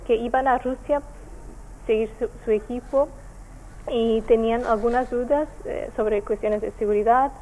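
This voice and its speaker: Portuguese woman, NGO spokesperson, halting fillers, warm mellow tone, faint hiss. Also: on the high side, fairly even intonation, low-quality recording. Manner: hesitant, many fillers and restarts. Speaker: NGO representative. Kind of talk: remote interview answers.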